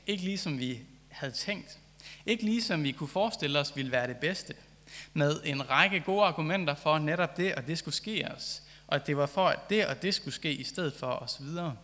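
A man's voice: a little high, lively intonation, bright, forceful tone. A man preaching a sermon, reading scripture and then reflecting on it earnestly, with rising emphasis on key phrases. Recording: long hall reverb.

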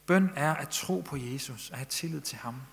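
In the style of a Danish-language church sermon, a man preaches earnestly, pressing his congregation with questions that rise in emphasis. His voice is gravelly and on the high side, with the long echo of a large hall around it.

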